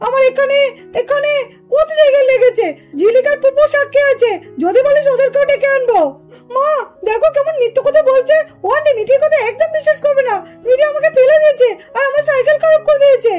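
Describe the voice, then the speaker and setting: A woman's voice: extremely high pitch, fast talker, a little mellow, faint music behind. A woman voicing a whiny little boy in a doll puppet show, complaining and telling tales. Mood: whining. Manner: whining, complaining.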